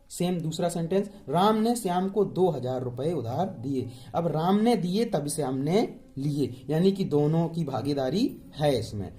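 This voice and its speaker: A man's voice: mid-range voice, warm tone. A man teaching a grammar class, who keeps asking questions and answering them himself and repeats each key definition.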